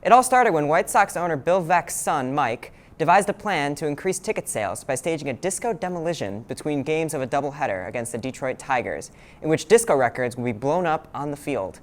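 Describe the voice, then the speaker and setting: A young man working as a sports reporter, narrating a scripted feature and hitting each new item with animated, swooping emphasis. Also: a little high, a little fast. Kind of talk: scripted news package narration.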